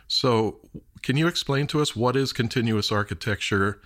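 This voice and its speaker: A man hosting a podcast interview, introducing his guest in a halting way with many fillers. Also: mid-range voice, fairly bright tone. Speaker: podcast host.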